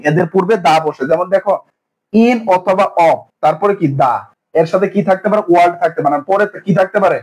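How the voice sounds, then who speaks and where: A young male teacher runs an exam-prep grammar lesson. His voice sits high for a man, and he drills each rule by asking a question and then answering it himself, over and over. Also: a little mellow, rough recording. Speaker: English teacher.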